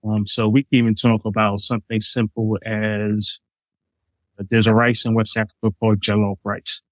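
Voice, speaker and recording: A middle-aged Liberian chef, appearing as a guest in a casual interview, talks through his food in an easygoing way, full of examples and fillers. His voice is on the low side with a level tone and normal speed, in a dry recording with poor audio.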